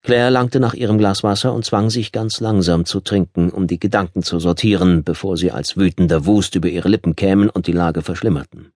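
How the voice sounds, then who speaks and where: A man narrating a fantasy audiobook in a calm, measured delivery. His voice sits low. The studio sound is close and completely dry. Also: no echo. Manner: ruhig, gemessen erzählend. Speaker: Hörbuchsprecher. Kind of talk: scripted narration. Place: Tonstudio.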